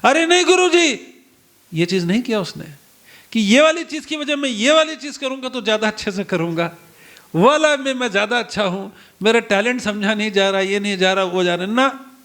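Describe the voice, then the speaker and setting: A man's voice: sits high, lively intonation, a little fast, a bit bright. A male preacher giving a storytelling sermon, acting out the dialogue of the characters and putting rhetorical questions to his listeners.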